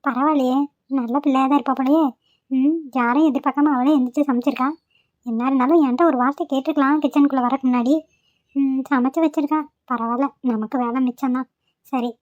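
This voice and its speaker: A bossy middle-aged aunt in a cartoon, voiced by a woman talks loudly to herself and scolds. Her speech is quick and high, with a dry, close sound. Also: no room sound, lightly acted.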